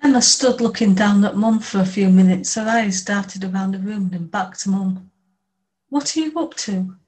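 A woman's voice: medium pitch, fairly even intonation, moderate pace, a little mellow, poor audio. Woman narrating an audiobook. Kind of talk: scripted first-person audiobook narration.

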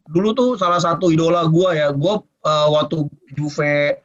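A man with in a casual podcast chat, excitable, swearing and laughing often. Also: on the high side, a little slow, dull audio.

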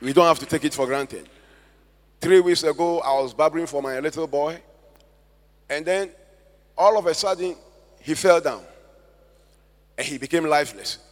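A man with a Ghanaian accent preaching a sermon as a pastor, with slow emphatic stress and loud swells. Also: fairly high pitch. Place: church hall. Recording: long church hall reverb.

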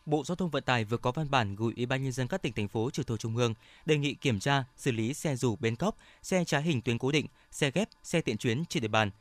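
A man reading scripted radio news in a formal, measured announcer style. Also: medium pitch, no echo.

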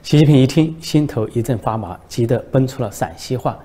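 A man's voice: mid-range voice, fairly quick, warm tone, husky. A man, a political satirist, telling a comic story in a dry, matter-of-fact way.

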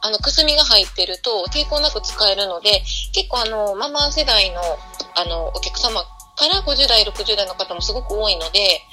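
A woman's voice: mid-range voice, animated, normal speed, music in the background. A woman from Kobe with a Kansai accent, a cheerful guest who laughs often as she talks about her shop. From Kobe, Japan. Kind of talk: interview conversation.

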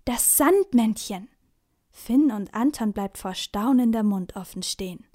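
Woman, children's story narrator, clear storytelling, fairly high voice. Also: lively intonation, a little slow, warm tone.

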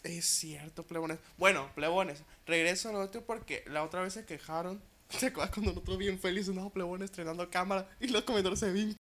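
A man co-hosting a casual podcast, joking loudly with heavy slang. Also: high-pitched, fairly even intonation, brisk. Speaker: podcast co-host.

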